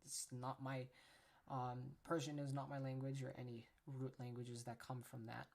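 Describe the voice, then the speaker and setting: This podcast host has a rumbling low, gravelly voice with a darkish tone and a flat delivery at normal speed. Her casual educational show is chatty and informal, full of "right?" tags, frequent self-corrections and apologies for how she pronounces things.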